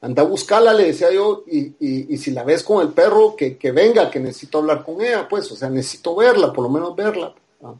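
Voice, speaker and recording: A man's voice: on the high side, lively intonation, brisk, hardly any pauses, warm tone. A man with a Guatemalan accent, a podcast guest telling a personal story casually. He acts out the dialogue and keeps tagging his lines with a questioning "ah". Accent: Guatemalan Spanish.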